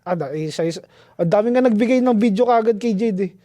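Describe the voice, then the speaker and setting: High-voiced, mellow man telling a story. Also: fast, no echo. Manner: animated, slangy, keeps saying "tol"; restarts and trails off often. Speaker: podcast guest. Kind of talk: casual storytelling chat.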